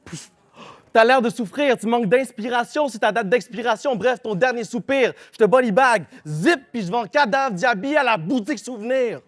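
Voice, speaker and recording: A man's voice: extremely high pitch, animated, normal speed, fairly bright tone. A man with a Québécois accent, performing a live battle rap verse with aggressive, punchy rhymes. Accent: Québécois French. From Quebec. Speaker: battle rapper.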